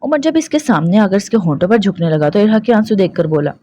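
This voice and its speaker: A woman reads a romance novel aloud in a steady storytelling voice. Her narration keeps an even pace between the characters' lines. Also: medium pitch, fast talker, a little hiss or hum.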